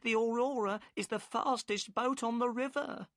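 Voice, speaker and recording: For an audiobook, a man pitches his voice very high, above his natural range, to play the anxious, tearful middle-aged wife of a boatman, who answers deferentially and keeps calling him sir. His delivery is fairly even in intonation, at normal speed and a bit bright. The recording is studio quality with no echo.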